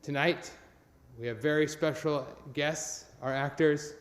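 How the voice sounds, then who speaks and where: Hosting a live radio play, a man gives an informal, sincere and self-deprecating welcome speech to an online audience. His fairly high voice is steady and measured in pace, and the room is echoey with long reverb.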